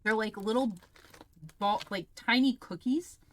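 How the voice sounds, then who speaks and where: A livestream host chats casually while taste-testing snacks, candid and exclamatory and swearing plenty. Her voice is on the high side and a little slow, with slight background noise.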